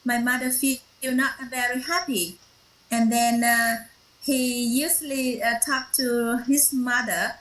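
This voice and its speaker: A woman whose first language is Vietnamese shares a personal story at a workshop, halting often with fillers and restarts. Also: on the high side, fairly even intonation, fairly bright tone, reverberant, low-quality recording. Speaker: workshop participant.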